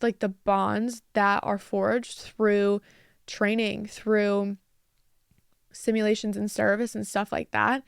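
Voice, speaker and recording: A young woman tells a story on her podcast in a loose, chatty way, dropping "like" often and acting out bits of dialogue. Her voice is smooth and clear with a gravelly fry at the ends of phrases. The recording is dry and close to the mic. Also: mid-range voice, no echo. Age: young adult. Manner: chatty, lots of "like" fillers, quotes people in dialogue. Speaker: podcast host. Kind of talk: casual storytelling.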